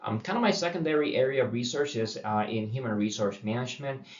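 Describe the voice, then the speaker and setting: A man's voice: mid-range voice, fast. A middle-aged man from Puerto Rico introducing a university course, talking casually with many fillers and restarts. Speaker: university instructor. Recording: dull roomy audio from a distance.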